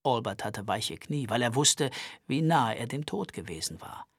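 A man narrating a humorous Western audiobook in an expressive, wry storytelling manner on a close studio mic. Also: medium pitch, normal speed, no echo. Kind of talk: scripted narration.

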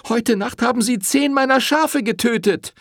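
Man putting on a fiery young woman, high strained voice, indignant, dry close sound, audiobook. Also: normal speed, gravelly, no echo, heavily acted. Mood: defiant. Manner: indignant, defiant, shouting. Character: fierce defiant young Sicilian woman farmer.

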